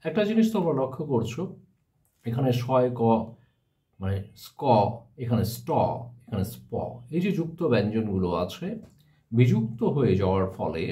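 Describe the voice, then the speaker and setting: A male teacher giving a step-by-step grammar lesson, often pausing to ask his students rhetorical questions. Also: mid-range voice, warm tone.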